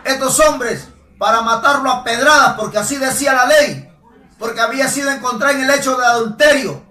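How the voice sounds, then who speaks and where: A man preaching a sermon emphatically, asking rhetorical questions and rising to shouts. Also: extremely high pitch, a little fast. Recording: echoey room, voice from a distance.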